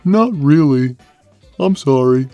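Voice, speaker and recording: A woman voicing a big, gentle, simple-minded male cartoon cat with a placid, deadpan manner. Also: low voice, no echo, dull audio, soft background music, exaggerated voice. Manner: placid, deadpan, plain and slow. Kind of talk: animated character Q&A, fan dub.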